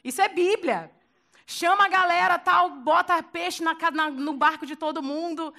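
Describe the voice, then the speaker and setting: A woman preacher with a Brazilian accent, giving a lively storytelling sermon in a playful, slangy way and acting out the scenes. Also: very high voice, moderate pace, creaky.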